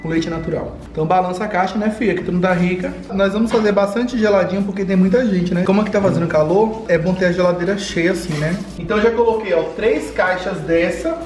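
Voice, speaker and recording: A man's voice: sits high, fast, few pauses, a little mellow, soft background music. A man in his thirties, a cooking vlogger chatting casually to viewers in his home kitchen and checking in with "right?" as he goes. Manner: chatty, talks to viewers with tag questions. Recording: echoey kitchen.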